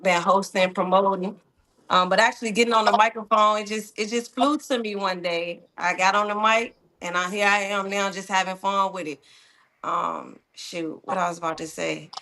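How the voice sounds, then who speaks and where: A woman's voice: mid-range voice, steady tone, normal speed, pushed and bright. A woman event host and promoter introducing herself casually, with informal, slangy talk.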